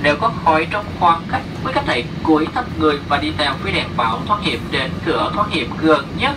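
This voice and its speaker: A Vietnamese-accented man reads a flight safety demo as a cabin crew announcement, in a slightly high voice. The scripted delivery comes over the aircraft PA, picked up from some distance with clear cabin noise around it. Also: animated, fast talker. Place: inside an airliner cabin. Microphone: cabin PA picked up by distant camera. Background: loud aircraft ambience.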